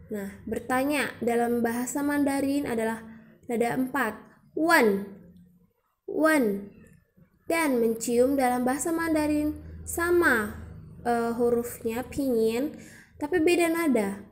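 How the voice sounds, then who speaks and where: A woman's voice: high voice, measured pace, a little hiss or hum. A young woman presenting a student educational video, explaining patiently step by step and demonstrating sounds aloud.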